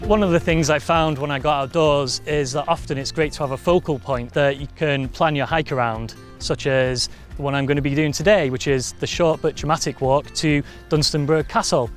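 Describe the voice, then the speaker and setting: A man's voice: a little high, steady tone, normal speed. A man presenting a walk outdoors on a coastal path, upbeat and conversational. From Wales. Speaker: walking presenter. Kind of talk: presenting a travel walk to camera. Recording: faint guitar music behind. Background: soft guitar music.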